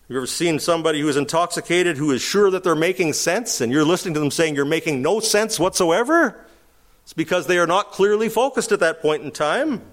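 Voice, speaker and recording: A middle-aged pastor delivers a sermon, moving between calmer passages and emphatic, high-pitched calls.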